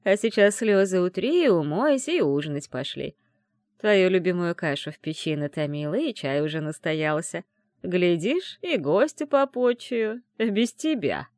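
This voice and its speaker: A gruff old village witch with grey hair, scolding and teasing her young ward in a plain, homely way, as a woman reads her in a storybook. The voice swings lively up and down and sits close and dry. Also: fairly low pitch, a little slow, dry recording. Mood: bossy.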